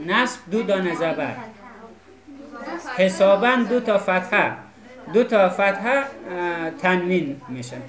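A woman teaching a class, patiently explaining and often asking if the students follow. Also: mid-range voice. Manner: patient, keeps checking students understand. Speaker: Arabic teacher. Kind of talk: classroom lesson. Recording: echoey classroom.

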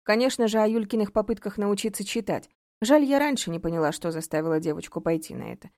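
A cold, commanding middle-aged mother and judge in an audiobook, voiced by a woman reader. She talks sharply, with biting sarcasm, in a soft, mellow tone. The recording is close and dry. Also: medium pitch, fast talker, no echo, lightly acted. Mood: cold stern.

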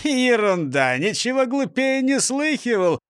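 A man's voice: very high-pitched, very animated, unhurried, fairly bright tone, smooth, no echo, studio quality, pitched above the performer's own voice, exaggerated voice. A man reading a storybook and voicing a scornful, bossy male gang chief who barks and mocks. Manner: barking and mocking.

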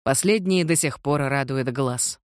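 A reader voicing a courteous gentleman husband. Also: mid-range voice, unhurried, no echo, studio quality, natural voice. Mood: polite.

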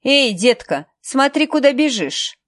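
A woman's voice: high-pitched, very animated, measured pace, a bit bright, dry recording, clean studio sound, pitched above the performer's own voice, exaggerated voice. A woman voicing a cold, sarcastic female assistant who speaks mockingly with steel in her tone.

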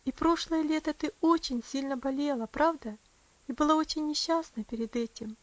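A gentle young woman speaks with soothing tenderness, voiced by a woman reading the story. Her tone is high and affectionate. The recording is dull and dry. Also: moderate pace, dry recording, natural voice. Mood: tender. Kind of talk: audiobook character voice.

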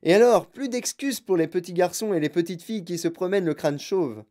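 A narrator voicing an excitable, eccentric grown-man candy-maker who talks in boastful, bouncy exclamations. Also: medium pitch, a little fast, natural voice. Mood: eager, hurried.

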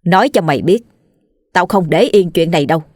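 A woman plays a spiteful middle-aged village wife, sneering and scolding as she makes her demands. She speaks in a lowish voice, in a dry, close recording. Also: moderate pace, darkish tone, no room sound, lightly acted.

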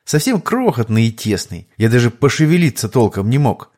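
A man reading an audiobook aloud, with a lively, playful delivery of the dialogue. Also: medium pitch, fairly quick. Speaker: audiobook narrator.

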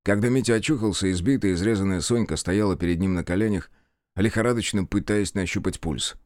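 A man giving a tense, measured dramatic narration of a story. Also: low-pitched, a little mellow, no room sound, studio quality. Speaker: audiobook narrator.

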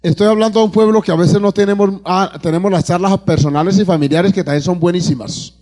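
A man's voice: high voice, fast talker, darkish tone. A man with a Colombian accent preaching to his congregation as a pastor in church, calling out amens and asking them questions, often repeating words as he searches for the next one. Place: church before a live congregation.

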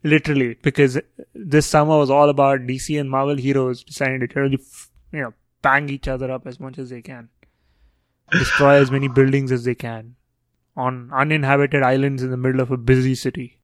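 A man's voice: mid-range voice, little pitch movement, brisk, no echo. A man co-hosting a podcast, chatting casually with wry, sarcastic banter. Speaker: podcast co-host. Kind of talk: casual chat.

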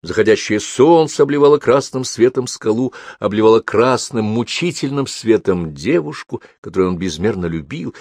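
Low-voiced expressive male narrator. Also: moderate pace, few pauses, dry recording, studio quality. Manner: expressive literary reading. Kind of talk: audiobook narration.

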